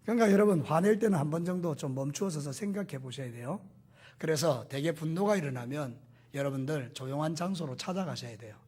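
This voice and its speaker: A male pastor preaching a sermon, animated and putting questions to the congregation, with folksy, humorous stories. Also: fairly high pitch, a little fast, husky.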